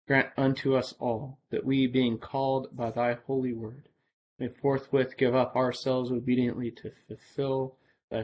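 Even-toned male minister reciting prayers. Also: medium pitch, poor audio. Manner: solemn, measured liturgical recitation. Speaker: officiating minister. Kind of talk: Anglican evening prayer and informal homily. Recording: clear background noise.

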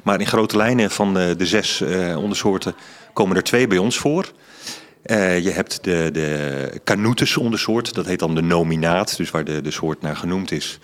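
Low-voiced hesitant man. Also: moderate pace. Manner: hesitant, many ums and restarts. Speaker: author and science journalist. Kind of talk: casual interview talk.

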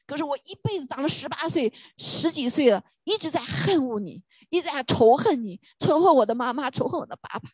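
A woman's voice: sits high, lively intonation, brisk, hardly any pauses, a little mellow, dry recording, pitched above the performer's own voice. A woman voicing a grieving teenage adopted boy crying out in remorse. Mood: remorseful. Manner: sobbing remorseful outcry.

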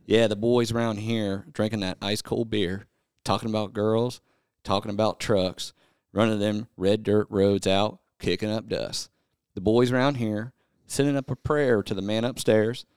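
A man's voice: on the low side, fairly even intonation, unhurried, darkish tone, smooth, no room sound, studio quality. A man co-hosting a casual podcast, read-singing country song lyrics for laughs. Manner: reads song lyrics in a half-sung, joking way. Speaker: podcast co-host.

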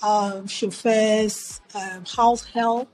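A middle-aged Ghanaian woman, a guest on an interview over a remote call, tells conversational stories about her upbringing in a reflective, earnest way, frequently restarting. Her medium-pitched voice is steady and a little mellow, with drawn-out words. Faint music sits behind her, and the audio is poor.

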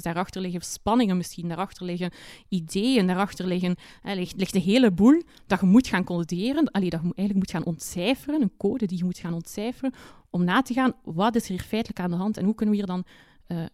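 An earnest woman explains methods as an expert on a panel. Her voice is mellow and dark, and the sound is dry and close. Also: fairly low pitch, dry recording. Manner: earnest, often adds tag "hè". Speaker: book author, childcare expert.

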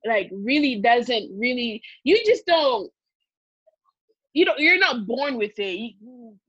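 A woman's voice: a little high, sing-song, takes it slowly, a bit bright, slightly rough, no room sound, muffled recording. A woman from Congo telling a personal story in a casual, emotional, rambling way full of fillers.

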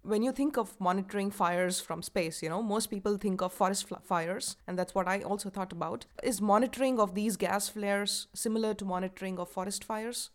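A woman's voice: mid-range voice, brisk, few pauses. Woman hosting a casual podcast interview. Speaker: podcast host.

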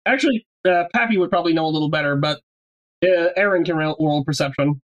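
A woman's voice: sits low, lo-fi sound. Joking woman running a tabletop game. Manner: halting, joking. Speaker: game master. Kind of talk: casual tabletop game narration.

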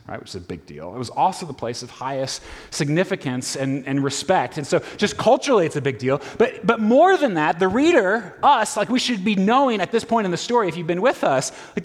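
Lively high-voiced man preaching casually. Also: fairly quick. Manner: casual, animated, many fillers and restarts. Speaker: pastor. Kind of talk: conversational sermon. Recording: reverberant hall.

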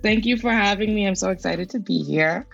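Chatty Bahamian woman, gravelly voice. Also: medium pitch, a little fast, a bit bright, dull audio, soft background music. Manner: chatty, many fillers like "like" and "you know". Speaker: guest climate scientist. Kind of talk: casual interview answers.

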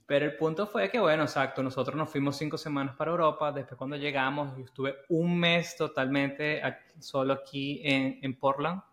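A man co-hosting a casual chat, halting and repeating words as he goes. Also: on the high side, steady tone, a bit bright.

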